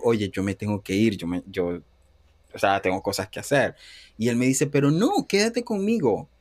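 Chatty man telling his love story. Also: mid-range voice. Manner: animated, acts out quoted dialogue, laughs often. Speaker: interview guest. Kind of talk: casual storytelling interview.

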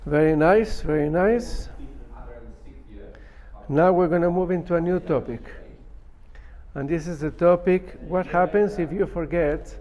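A man's voice: fairly high pitch, a little slow, pauses often, darkish tone. A man gives a religious lesson. He speaks as a rabbi to his students, reading a phrase, translating it and repeating key points with emphasis. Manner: emphatic, repeats and explains step by step. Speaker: rabbi teaching a Talmud class.

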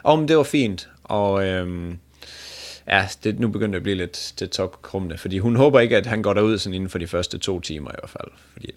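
Danish man telling a crude funny story. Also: sits low. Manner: laughing, crude joking. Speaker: podcast host. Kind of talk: casual storytelling chat.

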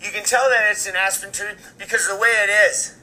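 Smug pompous news anchor, film clip, high bright voice. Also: male voice, fairly even intonation, fast, slight background noise, rough recording.

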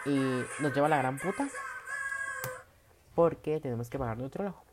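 Un hombre con acento centroamericano que habla en su podcast de forma casual, chismosa y presumida, con cambios dramáticos de tono. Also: male voice, moderate pace, over music. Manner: dramatic, gossipy and boastful, with big swings in pitch and loudness. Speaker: podcast host.

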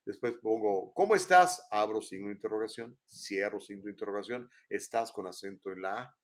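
A man's voice: fairly low pitch, fairly even intonation, a little fast. Older mexican guy hosting a live show from home, rambly chatty talk, lots of tag questions. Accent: Mexican Spanish. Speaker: host. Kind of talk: casual live-show chat. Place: his home.

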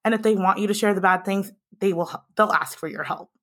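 A woman's voice: mid-range voice, a little fast, fairly bright tone. A young adult woman hosting a podcast, speaking earnestly and with passion in a breathless rush, often restarting her sentences. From United States. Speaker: podcast host. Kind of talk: impassioned podcast monologue.

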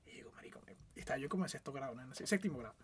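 A young Venezuelan man in casual chat, telling crude stories in an animated way and acting out the quotes. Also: mid-range voice, racing.

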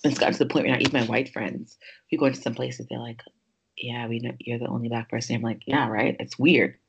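Gravelly, husky woman podcast host. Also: rumbling low, steady tone, quick pace, highs cut off. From New York, United States. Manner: reflective, thinks aloud with many fillers. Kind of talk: casual podcast conversation.

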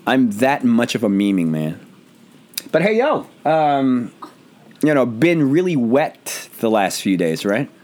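A hoarse man hosting a casual podcast from home, joking and rambling in a self-deprecating way. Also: medium pitch, very animated, slow, darkish tone. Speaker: podcast host. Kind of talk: casual chat.

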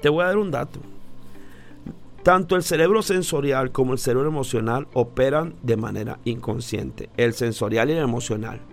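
A man's voice: medium pitch, moderate pace, faint music behind. A man giving a motivational talk on emotions, emphatic and repeating phrases for effect. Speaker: speaker on emotions.

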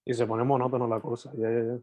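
A man's voice: mid-range voice, level tone, quick pace, dark tone, no room sound. A man of thirty, an easygoing interviewer who asks questions and keeps affirming his guest. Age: 30s. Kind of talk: casual interview, mixing Spanish and English. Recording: dull, dry, lo-fi sound.

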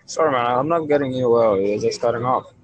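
A man's voice: medium pitch, brisk, no room sound, muffled recording. A man from Tanzania, a guest calling into a podcast, who speaks politely and asks for things to be repeated. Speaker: guest on a call. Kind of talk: call-in conversation.

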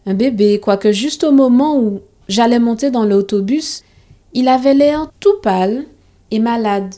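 A woman's voice: a little high, measured pace, dark tone, pitched above the performer's own voice, natural voice. A woman voicing a young schoolboy who is kind and earnest, in a storybook reading.

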